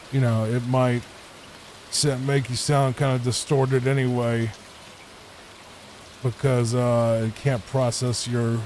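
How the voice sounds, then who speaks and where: A man with a Virginia accent giving soft, rambling gameplay commentary meant to help listeners sleep, recorded on a microphone in a home room. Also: mid-range voice, slight background noise, rough recording. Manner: laid-back, rambling. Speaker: gameplay channel host. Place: home room, not a booth. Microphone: studio microphone with added EQ.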